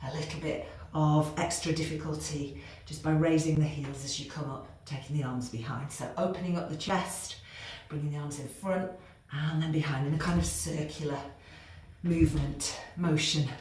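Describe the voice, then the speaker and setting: A fitness instructor with a low, steady, darkish voice talks at normal speed, giving workout instructions as she exercises and starts to run short of breath. The recording has heavy echo and faint noise.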